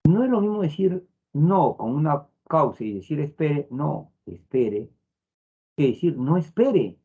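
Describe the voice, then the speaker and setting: A man teaching an online class, repeating phrases and filling pauses with "a ver" and "estamos". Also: a little high, warm tone, breathy edge. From Peru. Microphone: phone. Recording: tinny phone-like lo-fi audio.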